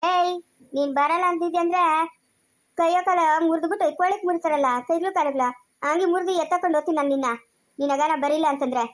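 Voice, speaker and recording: A woman's voice: very high-pitched, fast talker. Woman playing a hot-tempered village man. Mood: threatening. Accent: Kannada, Chikkaballapur rural dialect. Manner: scolding, threatening, shouting orders. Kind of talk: village comedy skit acting.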